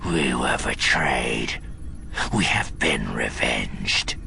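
A man's voice: very deep voice, expressive, drawn-out words, background noise, pitched below the performer's own voice, exaggerated voice. A man whispering as Rook, a cold alien assassin. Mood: coldly vengeful. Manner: hushed breathy whisper. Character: cold male alien assassin bodyguard, quiet and vengeful. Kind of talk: audiobook reading. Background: music.

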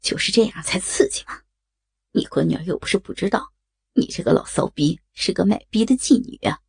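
A woman voicing a crude, lustful young man in an adult audio story, speaking in a hoarse, gravelly half-whisper. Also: mid-range voice, fairly quick, darkish tone, no room sound, clean studio sound. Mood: leering.

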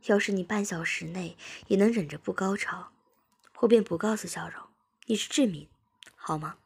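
A dominant young man speaks with a teasing, controlling edge, as a woman reading the story plays him. The voice stays breathy and husky with a gravelly undertone. It does not reach down to a true male pitch. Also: moderate pace, darkish tone.

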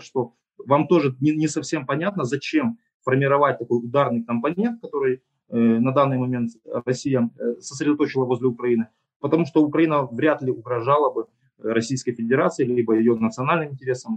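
Ukrainian guy doing a politics interview, husky voice, slow careful talk with lots of uhs, kinda muffled lo-fi audio. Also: mid-range voice. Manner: measured, deliberate, frequent hesitation sounds. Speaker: political analyst, interview guest. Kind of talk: analytical interview answers.

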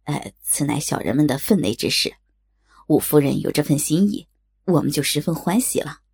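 Fawning male servants of a martial-arts storybook, as a woman reader puts them on, pitched far down into a deep, gravelly register. They speak with a husky, obsequious deference. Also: animated, moderate pace, darkish tone, heavily acted.

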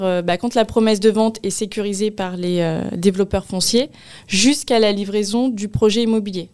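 Speaking smoothly in a medium, darkish voice, a young Parisian-region woman gives explanatory answers as an interview guest, hesitating often. She works as a senior property programme manager.

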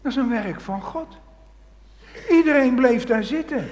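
A man preaching a sermon, telling the story with animation and swinging from loud to hushed. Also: very high voice, expressive, measured pace. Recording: long hall reverb.

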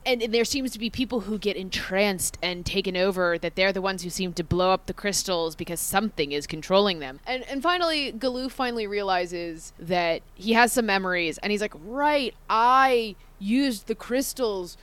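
A woman's voice: mid-range voice, expressive, a little fast, few pauses, fairly bright tone. A woman co-hosting a casual chat and recapping a video game's plot, laughing often and acting out characters' lines. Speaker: podcast co-host.

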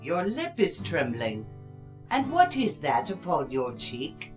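A woman playing a gentle, solemn ghostly guide in a radio play, measured, knowing and formal. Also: sits low, wildly swooping pitch, soft background music, heavily acted.

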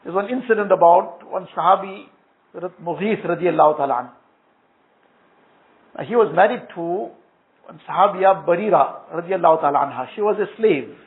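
A man's voice: sits high, moderate pace. A man giving an earnest storytelling sermon, with Arabic phrases woven into his talk. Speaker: Islamic preacher. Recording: tinny phone-like sound.

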